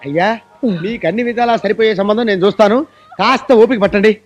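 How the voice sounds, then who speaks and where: An actor playing a superstitious priest in a comic film scene, given to melodramatic wailing and despair. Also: male voice, high voice, fast, lo-fi sound, faint music behind, lightly acted. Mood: calm. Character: superstitious middle-aged male priest, easily panicked.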